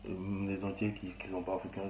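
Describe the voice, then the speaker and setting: A man's voice: deep voice, completely flat delivery, fast, warm tone, roomy sound, slight background noise, low-quality recording. A young man with a Cameroonian accent talks bluntly and rambles in a casual, slangy monologue. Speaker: vlogger.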